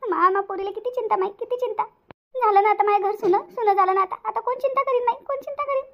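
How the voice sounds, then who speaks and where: A woman's voice: very high voice, fast talker, lo-fi sound. A woman voicing a tearful middle-aged mother in a cartoon, wailing over her married daughter.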